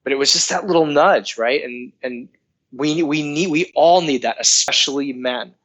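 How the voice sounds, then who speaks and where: A man who is a coach and author, speaking as a podcast guest in an earnest, animated coaching tone. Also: on the high side, moderate pace, low-quality recording. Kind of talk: casual podcast interview.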